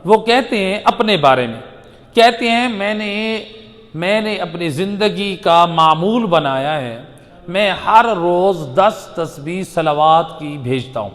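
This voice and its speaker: A man preaching a majlis sermon, swinging from loud exhortation to soft chanted recitation. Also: high voice, animated. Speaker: Shia preacher. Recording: long hall reverb.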